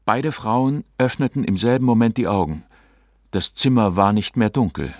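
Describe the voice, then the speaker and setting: A man narrating a story as a scripted audiobook reading, measured and expressive, close to the mic. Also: lowish voice, no echo.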